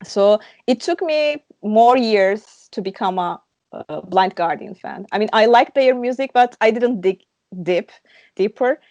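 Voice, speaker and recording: A woman's voice: fairly high pitch, animated, measured pace, darkish tone, no room sound. A woman from Turkey, a podcast guest chatting reflectively and hesitantly with many fillers. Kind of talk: casual chat. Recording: dull, dry lo-fi sound.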